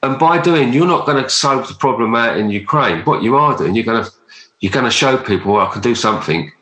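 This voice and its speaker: Male podcast host, forceful bright tone, earnest rambling conversational delivery, echoey room. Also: mid-range voice, expressive, a little fast. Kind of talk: casual conversational interview. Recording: roomy echo.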